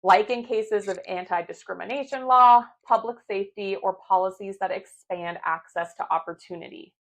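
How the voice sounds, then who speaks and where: Young female philosophy professor, clear explainer, mid-range voice, rhetorical questions. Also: mid-range voice, a bit bright. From United States. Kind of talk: scripted lecture to camera.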